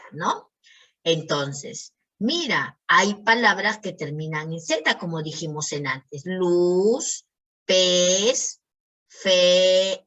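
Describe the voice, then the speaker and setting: Woman teacher; unhurried, clear lesson delivery, keeps checking the class follows. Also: lowish voice, sharp tone. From Peru. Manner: slow, patient, checking in with "¿sí?".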